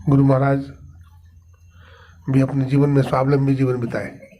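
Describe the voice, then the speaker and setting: A man's voice: mid-range voice, level tone, normal speed, mellow. A man giving a devotional sermon, asking rhetorical questions and answering them himself. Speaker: spiritual preacher.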